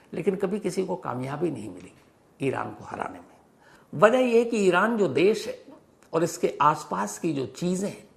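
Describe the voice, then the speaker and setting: A news explainer host, male, speaks with a gravelly, fairly high-pitched voice. He narrates the news emphatically like a story, often raising questions and rephrasing to clarify.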